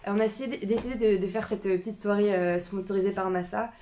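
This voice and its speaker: A woman's voice: mid-range voice, fairly even intonation, fast talker, dark tone. Hesitant young woman talking to a group. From France, Paris suburbs. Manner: hesitant, many fillers and restarts, self-conscious laughter. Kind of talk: informal talk to a small group. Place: small community centre room. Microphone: filmed by a camera.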